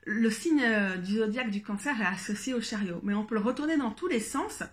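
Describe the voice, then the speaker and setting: A woman, chatting casually in a vlog, thinking aloud with many fillers and restarts, low in energy. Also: expressive, a little fast. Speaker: tarot vlogger.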